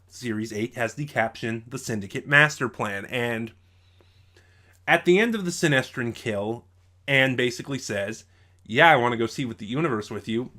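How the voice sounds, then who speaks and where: This YouTube audio drama reviewer, a man with a medium pitch and a pushed, bright tone, delivers his review off the cuff. His speech comes in fits and starts as he thinks aloud, frequently restarting sentences partway through.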